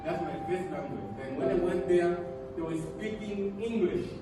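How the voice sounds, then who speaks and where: A man from the Democratic Republic of the Congo, whose first languages are Swahili and French, tells his life story in English, earnestly and haltingly, often repeating words, in a high-sitting voice. It's a personal storytelling talk with slides, recorded in an echoey room with a distant mic and loud music behind.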